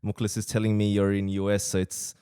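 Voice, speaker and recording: A man hosting a casual interview, relaxed and hesitant with many ums. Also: fairly low pitch, fairly quick, clear, resonant tone, no room sound, clean studio sound. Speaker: podcast host.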